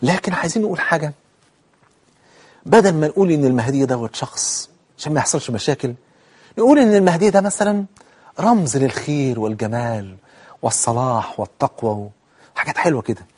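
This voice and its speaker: A middle-aged man with an Egyptian accent giving a televised religious lesson, animated and emphatic, acting out opponents' objections. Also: fairly high pitch, quick pace, slightly rough. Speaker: religious TV preacher.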